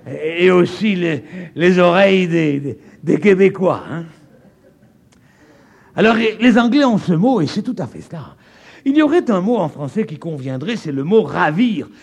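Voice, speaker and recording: A man's voice: lively intonation, normal speed, creaky, slightly rough. A man from France preaching a sermon in a French accent, stressing key words emphatically and stretching them out. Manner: emphatic, stretching key words, wide swings in pitch and loudness.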